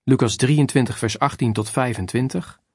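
Male narrator, mid pitch, measured scripted reading, dry close recording. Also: slightly rough, dry recording. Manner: measured, even reading of chapters and verse numbers. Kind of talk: scripted narration of a religious book.

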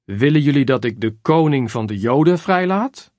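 A man's voice: mid-range voice, expressive, normal speed, a little mellow, no echo, close to an everyday voice. Earnest Roman governor, pleading with a crowd, read by a man in a dry, close voice. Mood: questioning.

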